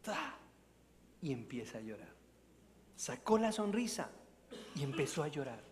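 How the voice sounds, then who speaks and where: Lay speaker, male, storytelling mission talk, moves from loud to hushed; church reverb. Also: mid-range voice, unhurried. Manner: animated, swings from loud to hushed. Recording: long church reverb, faint noise.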